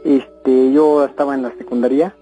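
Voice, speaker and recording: A man calling in, hesitant and full of pauses as he starts a story. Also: mid-range voice, fairly even intonation, mellow, faint music behind. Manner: hesitant, repeated "este". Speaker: caller.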